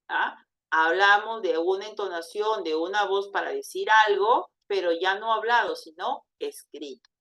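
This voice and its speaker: A woman teaching an exam prep lesson, lively and demonstrative, often checking in with "¿ya?". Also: medium pitch.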